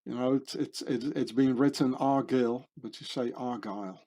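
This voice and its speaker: A man's voice: mid-range voice, steady tone, brisk, mellow. A man hosting his channel, talking through pictures in a meandering monologue full of fillers and tag questions. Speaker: channel host. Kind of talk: rambling monologue over pictures.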